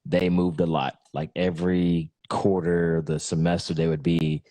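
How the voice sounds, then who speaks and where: Low-voiced, mellow podcast host. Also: male voice, little pitch movement, normal speed, no echo. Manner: laid-back, friendly, many fillers. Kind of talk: casual interview chat. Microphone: remote call microphone.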